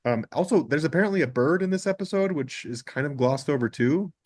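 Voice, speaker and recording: A man's voice: a little high, lively intonation, brisk, dry recording, studio quality. A man co-hosting a podcast, recapping a TV episode in casual chat, playful and catty. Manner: playful, catty, quotes characters in funny voices. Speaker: podcast co-host.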